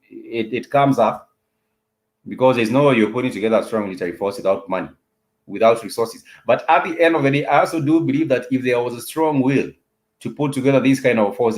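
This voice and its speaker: A man with an African accent hosts a spoken political commentary, talking haltingly and often repeating phrases for emphasis. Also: medium pitch, a little mellow. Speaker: host of a political discussion show.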